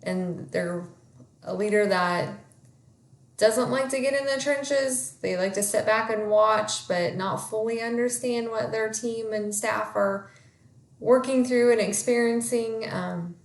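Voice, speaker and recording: A woman's voice: fairly high pitch, echoey room. Congested woman. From Kansas, USA. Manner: hesitant, many fillers. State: congested with a cold. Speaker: student introducing herself. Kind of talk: casual self-introduction.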